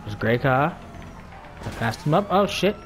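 A man at a gaming mic talks through his play in a loose, joking way, swearing freely and laughing often. His pitch swings widely as he gets excited, and faint music plays in the background. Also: normal speed. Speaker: gamer. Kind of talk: casual gameplay commentary.

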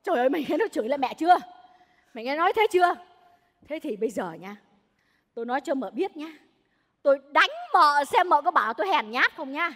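A woman's voice: lively intonation, quick pace, long pauses, fairly bright tone. An actress playing a domineering, wealthy old mother-in-law who scolds and wails theatrically on a stage. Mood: furious. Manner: shrill, theatrical scolding and wailing. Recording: stage recording with long hall reverb.

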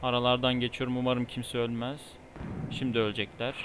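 A man's voice: medium pitch, monotone, a little fast, a bit bright. A man giving casual commentary while he plays a game, often exasperated and annoyed. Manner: frustrated, exasperated muttering. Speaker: gamer. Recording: noisy, with game gunfire behind.

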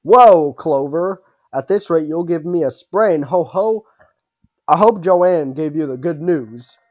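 A man's voice: fairly high pitch, lively intonation, slow pace, dull audio. A man voicing a jovial, bumbling, friendly older man from a video game, in a hearty manner. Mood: jolly, friendly. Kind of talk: video game character read aloud.

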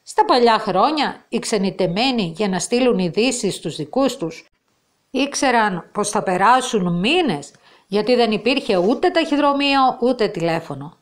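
A woman reads a children's story aloud in a slightly high voice. Her pitch rises and falls widely. She brightens and lifts her voice whenever a character speaks. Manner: expressive reading, raising pitch and voice for the quoted characters. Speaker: storyteller reading a school reader aloud.

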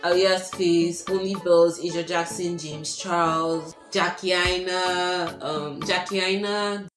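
A Nigerian woman reads out and answers questions for a vlog. Her voice is on the low side, recorded in an echoey room with music clearly playing behind her. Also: fairly even intonation, takes it slowly. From Anambra State, southeastern Nigeria. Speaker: YouTuber.

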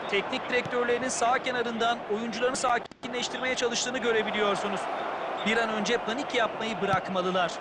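A man giving measured, explanatory analysis as the second commentator at a football match. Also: extremely high pitch, little pitch movement, a loud crowd. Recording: commentary over loud stadium noise.

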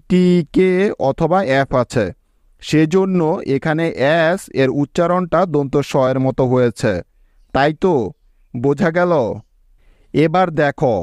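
Male teacher, patient, spells out words letter by letter, slightly high voice, very slow, dry close sound. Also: darkish tone, no room sound. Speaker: English pronunciation teacher. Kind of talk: slow step-by-step spelling lesson.

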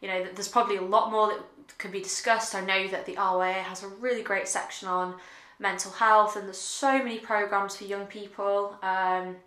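A young woman talking earnestly and reflectively to camera in a casual vlog, pausing often with fillers, seated on a sofa at home. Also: medium pitch, steady tone, bright, forceful tone, echoey room. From United Kingdom. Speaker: vlogger. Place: living room with sofa, indoors.

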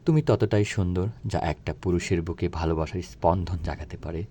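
A man reciting a romantic poem-drama in a soft, tender, slow way that sinks low on lines of love. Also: a little hiss or hum.

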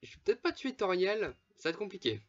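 A man's voice: high-pitched, very animated, quick pace, highs cut off. A man casually commenting on his own gameplay, chatting to viewers with frequent swearing and laughs. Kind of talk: casual let's play commentary.

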